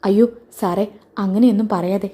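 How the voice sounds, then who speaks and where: Nervous humble servant guy, keeps saying sir, woman reading, mellow voice. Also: medium pitch, fairly even intonation, moderate pace, husky, natural voice. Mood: anxious. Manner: nervous, deferential. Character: humble middle-aged male servant, anxious and deferential.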